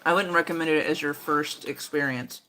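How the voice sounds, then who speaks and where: A middle-aged woman chatting casually about ghost hunting trips, relaxed and full of fillers. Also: deep voice, brisk, slight background noise, rough recording. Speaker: mother and moderator of the stream. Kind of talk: casual chat.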